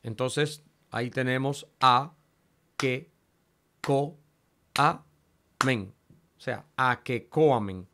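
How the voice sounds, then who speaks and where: Slow, patient man teaching Greek syllables. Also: medium pitch, pushed and bright. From Cuba. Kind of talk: classroom lecture.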